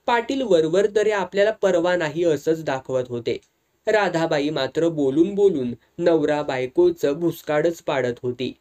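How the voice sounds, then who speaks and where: Lively, slightly high male storyteller. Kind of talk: Marathi story narration.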